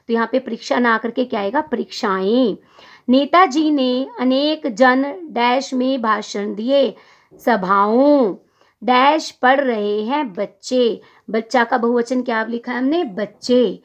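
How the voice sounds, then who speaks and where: A woman's voice: on the high side, a bit bright. A young adult woman teaching a Hindi grammar lesson, asking the class questions and answering them herself.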